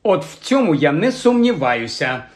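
Man doing a strict proud mom, snappy and a bit higher. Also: big pitch swings, moderate pace. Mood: scolding. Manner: sharp, scolding. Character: bossy proud mother, stern.

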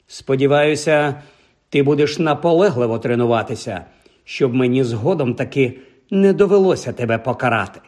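A man voicing a stern older female teacher, strict and measured. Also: mid-range voice, lively intonation, darkish tone, close to an everyday voice.

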